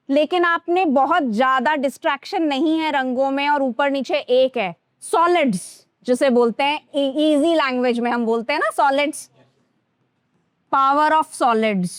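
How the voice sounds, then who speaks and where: A woman's voice: high-pitched, no room sound, studio quality. A woman with an Indian accent teaching a grooming workshop to students in a classroom, switching between Hindi and English and addressing them directly.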